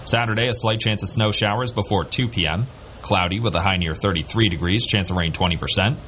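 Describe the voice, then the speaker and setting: Deep voiced guy reading local radio news and weather, bit of noise behind. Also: a little fast, a bit bright. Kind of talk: scripted traffic and weather bulletin.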